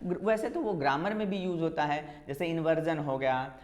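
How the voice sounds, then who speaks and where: एक महिला शिक्षिका परीक्षा की तैयारी का लेक्चर दे रही हैं, बीच-बीच में अंग्रेज़ी शब्द मिलाते हुए, बातें दोहरा कर कदम-दर-कदम समझाती हैं।. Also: female voice, deep voice, moderate pace, a little mellow, roomy sound. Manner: explains step by step, repeating key terms; mixes in English terms. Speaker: English literature teacher. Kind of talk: exam-prep lecture.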